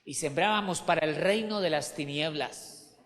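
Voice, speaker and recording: A man's voice: on the high side, normal speed, fairly bright tone. A man preaching a sermon as pastor to his church, emphatic, repeating key words and asking the congregation questions. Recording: long hall reverb.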